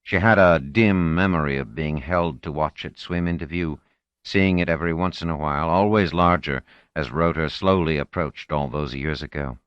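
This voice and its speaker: A man reading a novel aloud as an audiobook narrator, with expressive storytelling delivery. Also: a bass voice, normal speed, clean tone, no echo. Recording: dull lo-fi, dry close recording.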